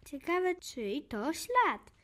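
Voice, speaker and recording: A woman plays a timid little boy in a children's story. His high voice sounds eager, with a shaky edge of nerves. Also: drawn-out words, heavily acted. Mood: nervous. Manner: excited, slightly shaky.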